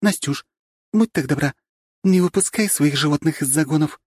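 A man's voice: fairly high pitch, moderate pace, slightly rough, pitched above the performer's own voice. A man voicing a stern, scolding young woman who heads the student council. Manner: strict, scolding.

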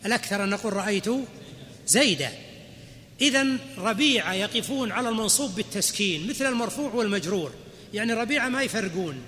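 A man's voice: high-pitched, lively intonation, very fast, sharp tone. A man teaching Arabic grammar to a class, explaining patiently and quizzing his students. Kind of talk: classroom lecture. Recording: hall reverb, faint noise.

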